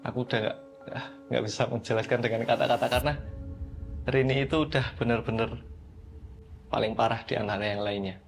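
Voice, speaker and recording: A man giving an earnest, measured testimony about a friend's possession. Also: mid-range voice, fairly even intonation, gravelly, soft background music. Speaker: interviewee, friend of the possessed girl. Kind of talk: testimony narration.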